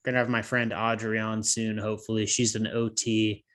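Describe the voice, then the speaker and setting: Co-hosting a casual podcast, this man drifts off track as he rambles, his voice a bit nasal. He speaks at a moderate pace with a flat delivery, a somewhat low pitch, and a slightly bright quality.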